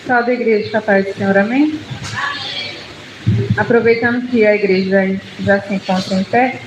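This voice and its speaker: A woman's voice: medium pitch, steady tone, moderate pace, noisy background. A woman with a Brazilian Portuguese accent preaching and praying before a congregation, in an earnest manner that speaks straight to the church. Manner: earnest, addresses the congregation directly. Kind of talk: sermon and prayer. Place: church hall. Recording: echoey, dull church PA recording.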